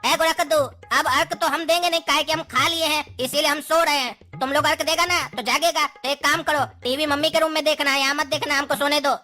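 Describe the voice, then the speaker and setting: Woman doing a sassy whiny kid, super high and bright. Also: steady tone, fairly quick, hardly any pauses, faint music behind. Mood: pleading. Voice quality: whiny, cheeky back-talk. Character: cheeky lazy grown child of the house. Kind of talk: comedy skit acting.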